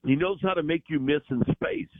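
A man calling in as a football analyst, talking in an animated, rambling way with fillers over a phone line. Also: fairly high pitch, a little fast, no echo.

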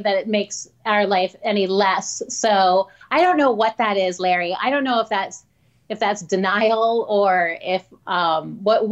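A woman's voice: mid-range voice, muffled recording. A woman guest telling stories in a frank, chatty way and laughing often. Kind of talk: casual interview storytelling.

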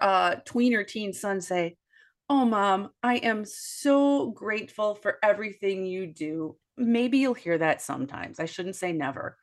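Woman, 40s, podcast guest and author; earnest, animated storyteller. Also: fairly high pitch. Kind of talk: conversational podcast discussion.

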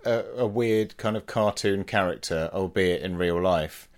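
A man's voice: deep voice, measured pace. A man hosting a podcast, chatting casually in a wry, rambling way and laughing often. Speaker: podcast host.

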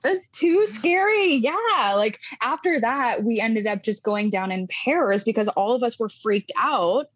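Animated woman telling a spooky story. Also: on the high side, a little slow, few pauses, no echo, lo-fi sound. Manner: animated storytelling, says "like" often. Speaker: podcast co-host. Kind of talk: casual chat.

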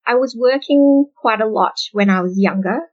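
A woman's voice: fairly high pitch, moderate pace. Muffled woman guest chatting with many ums. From Australia. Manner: relaxed, hesitant with many ums. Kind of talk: casual interview chat. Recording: muffled, dull audio.

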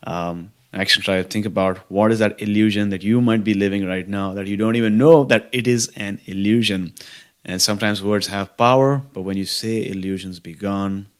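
A man hosting an interview, calm and affirming, asking questions and murmuring agreement. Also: fairly low pitch, moderate pace. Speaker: host. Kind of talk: conversational interview.

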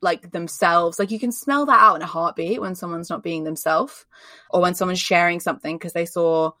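An Australian woman with an English accent, a personal branding expert appearing as a guest, gives candid, conversational interview answers. Her lowish voice moves fairly quickly with a sharp tone, recorded dry and studio-clean. She's emphatic and chatty, leaning heavily on "like."

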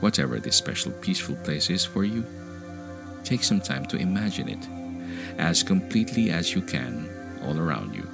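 A man guiding a meditation in a slow, soothing sleep-story style, with gentle, unhurried and calming instruction. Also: sits low, gravelly. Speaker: meditation podcast host and guide. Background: music behind the voice.

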